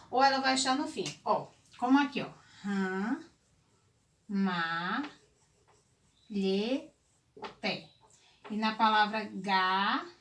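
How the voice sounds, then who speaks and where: A woman teaching a remote lesson to young children in Brazilian Portuguese. She talks slowly and patiently, spells out syllables and keeps checking that the class follows. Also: sits high, a bit bright. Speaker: primary school teacher.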